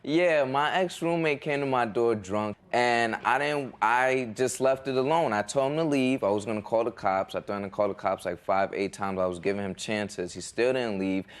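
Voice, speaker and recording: A man's voice: medium pitch, moderate pace, few pauses. A man in his twenties giving informal, rambling testimony as a litigant in a TV courtroom. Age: 20s.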